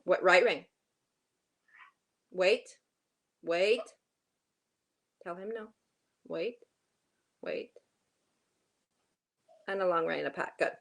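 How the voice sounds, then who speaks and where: A woman coaching a horse riding lesson, projecting brisk, urgent, repeated short commands with encouragement. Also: fairly low pitch, gravelly.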